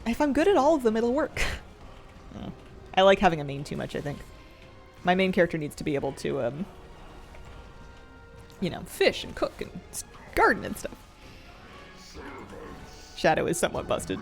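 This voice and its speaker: A woman's voice: lowish voice, sing-song, moderate pace, vocal fry, long pauses, soft background music. A woman livestreaming a game, chatting casually and playfully with viewers and musing aloud as she plays. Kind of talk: casual livestream chat with viewers while gaming.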